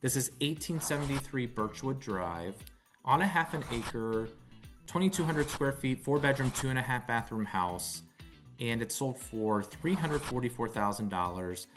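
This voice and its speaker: A man's voice: mid-range voice, lively intonation, normal speed, music in the background. A man hosting a real estate video in an informal top ten countdown style, often repeating key phrases.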